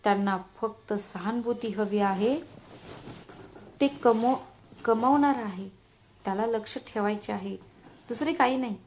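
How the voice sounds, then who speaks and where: A woman's voice: a little high, a little slow, pauses often, darkish tone, a little hiss or hum. A woman voicing a haughty, scheming daughter-in-law who talks falsely sweet and scornful. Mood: complaining.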